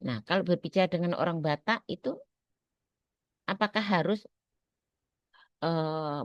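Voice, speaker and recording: A woman trainer giving a spoken training lecture in a conversational way, often checking in with her listeners and pausing to find her words. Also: a bass voice, darkish tone, dry recording. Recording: dull lo-fi recording.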